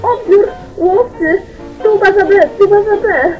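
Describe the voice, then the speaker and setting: A woman voicing a frantic outpost radio operator who calls for help over a muffled walkie-talkie transmission, shrill and hurried. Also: over music. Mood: panicked. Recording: muffled distant radio sound.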